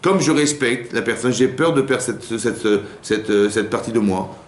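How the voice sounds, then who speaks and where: In a community hall with an echo and a faint hum, a man speaks at a moderate pace in a medium-pitched voice. As a rabbi giving women an informal class, he talks conversationally, with many repetitions and restarts, acting out quoted spouses.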